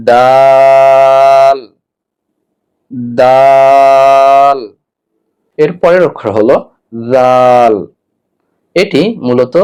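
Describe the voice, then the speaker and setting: A man's voice: medium pitch, a little mellow. A man teaching an online Quran lesson, patiently giving step-by-step mouth instructions and repeating each letter sound three times.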